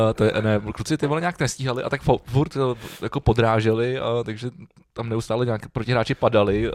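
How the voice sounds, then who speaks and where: A man's voice: medium pitch, no echo, clean studio sound. A man co-hosting a casual chat show, laid-back, who swears often and laughs as he talks. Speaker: podcast co-host.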